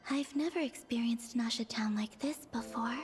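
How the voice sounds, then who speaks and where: Woman playing a soft, high-voiced dreamy goddess. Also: moderate pace, close to an everyday voice. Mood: curious, hushed. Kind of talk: video game voice acting. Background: music.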